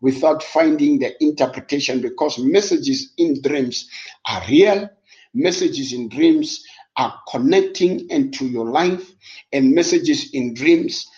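A man's voice: a little high, slow pace, a little mellow. A South African man, a native Sotho speaker, preaching a live-streamed Bible lesson with emphatic repetition and rhetorical questions. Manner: switches between English and Sotho. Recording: dull, lo-fi live-stream audio.

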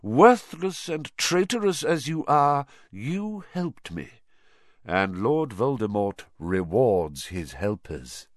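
A man voicing a cold, menacing dark wizard lord from a storybook, speaking with deliberate, theatrical disdain. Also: mid-range voice, sing-song, no room sound, clean studio sound. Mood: coolly scornful.

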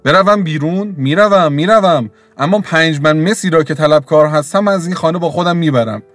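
A man's voice: on the high side, a bit bright, no echo, faint music behind, pitched above the performer's own voice, close to an everyday voice. Scornful bullying village creditor, voiced by a man. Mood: angry. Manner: scornful, threatening.

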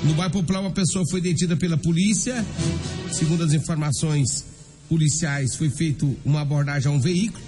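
Speaking a bit fast in a fairly high pitch, the Brazilian crime-news radio host talks casually to his listeners, reading news and ads live. A music bed sits under his voice.

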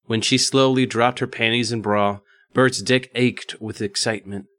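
A man co-hosting a podcast, reading a romance novel aloud, stumbling and correcting himself with quick asides. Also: mid-range voice, steady tone, fairly bright tone, no room sound. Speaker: podcast co-host.

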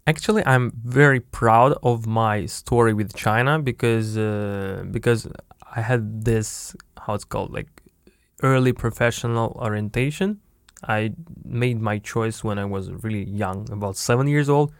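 A man's voice: lowish voice, a little slow, dry recording, clean studio sound. A young man from Siberia with a Russian accent, speaking hesitantly and searching for words in casual conversation.

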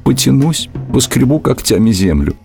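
A man's voice: mid-range voice, sing-song, normal speed, creaky, darkish tone, soft background music, pitched above the performer's own voice. A man voicing a sly, scheming female fox who whines and pleads in a storybook tale. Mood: whining, sly. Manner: whining, plaintive pleading.

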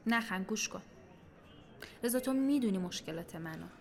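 A woman's voice: mid-range voice, expressive, lightly acted. An actress playing a young woman music teacher in a radio drama, teasing her partner and then pleading earnestly.

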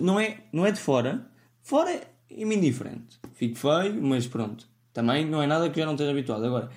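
A man's voice: medium pitch, a little mellow. A man with a European Portuguese accent hosting a solo podcast, talking in a rambling, self-mocking way with frequent restarts. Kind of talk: rambling casual monologue.

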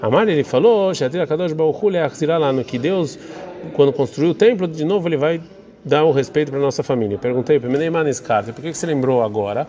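Man, somewhat high voice, text-study teacher who reads Hebrew aloud and translates as he goes. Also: fast, mellow. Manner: reads Hebrew phrases then explains in Portuguese, hesitant. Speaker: Talmud teacher.

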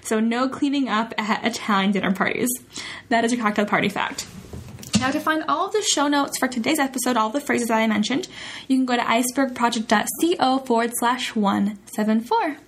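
A woman hosting a podcast language lesson, chatting in English and repeating Italian phrases slowly and clearly. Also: fairly high pitch, a little hiss or hum. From United States. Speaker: podcast host and Italian teacher.

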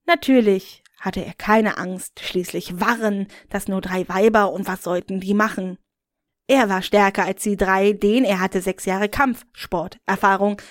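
Slow, dry-voiced woman reading a story. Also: mid-range voice, steady tone, no room sound. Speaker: story reader.

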